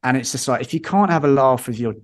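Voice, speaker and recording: A man, a podcast guest chatting casually and telling lively anecdotes with chuckles. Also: medium pitch, fast.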